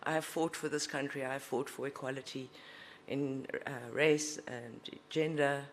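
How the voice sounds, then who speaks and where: A woman's voice: very deep voice, fairly even intonation, moderate pace, a little hiss or hum. A woman giving an unprepared acceptance speech, emotional and holding back tears, hesitant with many fillers. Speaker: award recipient, scientist. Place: awards ceremony venue.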